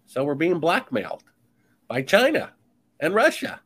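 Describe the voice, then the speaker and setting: A man's voice: fairly high pitch, huge pitch swings, a little slow, fairly bright tone, breathy edge. A man speaking as a guest author in a podcast conversation, talking in an emphatic, insistent, preachy way.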